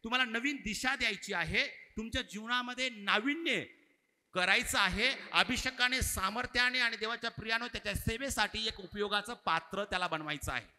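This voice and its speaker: A man's voice: sits high, fairly quick, pushed and bright. A man preaching a sermon as pastor, calling on his congregation to repeat phrases aloud. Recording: echoey hall reverb.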